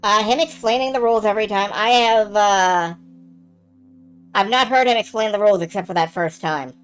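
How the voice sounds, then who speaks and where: A woman's voice: medium pitch, moderate pace, clear, resonant tone, poor audio. A woman giving casual, sweary game commentary as a let's play host, narrating her own moves as she goes. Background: game music.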